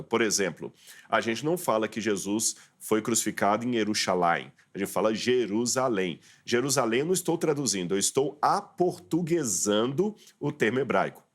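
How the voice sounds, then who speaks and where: A man speaking as a guest professor in a studio interview. He lays out terms step by step, like a lecturer. He talks at an even, mid-range pitch. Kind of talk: explanatory interview talk.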